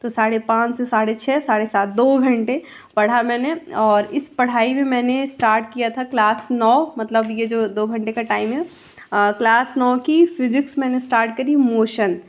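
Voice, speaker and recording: A woman's voice: a little high, fairly even intonation, normal speed. A woman school teacher doing a casual, rambling voice-over for her study vlog, often correcting herself as she goes. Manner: chatty, rambling, self-correcting.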